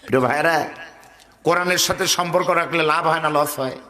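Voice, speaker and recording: A man's voice: fairly high pitch, a little fast, pushed and bright, in a large hall. A man from Bangladesh with a northern Bangladeshi Bengali accent, preaching a waz sermon to a crowd, urging them to call back and mimicking regional dialects. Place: outdoor religious gathering over loudspeakers.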